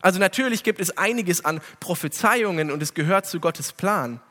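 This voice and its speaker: Earnest preacher man, bright voice in reverb. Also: sits high, animated, moderate pace. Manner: reads scripture, then explains with rhetorical questions; earnest, addresses listeners directly. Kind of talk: sermon.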